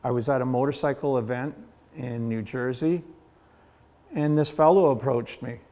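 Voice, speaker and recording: A man's voice: medium pitch, moderate pace, warm tone. A middle-aged Canadian man giving a casual guided tour of his collection, telling stories in a folksy way and acting out the people he quotes. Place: heritage centre exhibit hall.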